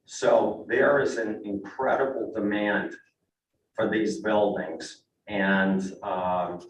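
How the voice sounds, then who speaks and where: Testifying at a zoning meeting, this older real estate broker speaks plainly and conversationally, saying "uh" often and restarting sentences, while his voice gives out. He sounds fairly low, steady, and slow, and the recording from a distant mic in an echoey council chamber has cut-off highs and slight background noise.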